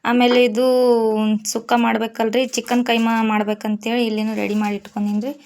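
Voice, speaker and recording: A woman's voice: a little high, level tone, a little fast, gravelly, darkish tone. A woman, chatting casually to viewers as she cooks at home for her vlog. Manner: chatty, addresses viewers politely with frequent "ri". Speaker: vlogger.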